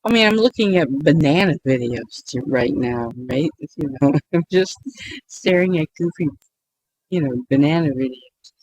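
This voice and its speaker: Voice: mid-range voice, lively intonation, moderate pace, no echo, poor audio. Youtuber just rambling at night, keeps cracking up, lots of restarts, dry close sound. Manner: keeps breaking into giggles. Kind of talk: casual late-night monologue to help sleep.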